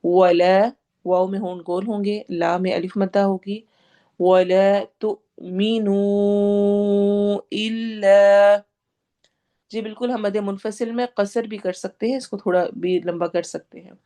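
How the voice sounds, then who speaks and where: A woman with a Pakistani Urdu accent teaching tajweed, going word by word and slowly drawing out each recited word. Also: medium pitch, fairly even intonation, warm tone. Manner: explains pronunciation patiently, drawing out recited words slowly; mixes English words into Urdu explanations.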